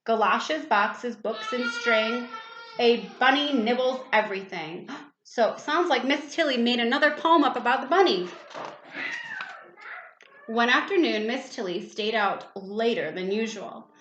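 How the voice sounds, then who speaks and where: Here a teacher reads a storybook to young children in a slightly high, fairly bright voice, taking her time. She reads expressively, sprinkling in asides and questions for the kids. The echoey, somewhat dull recording carries a little hiss or hum.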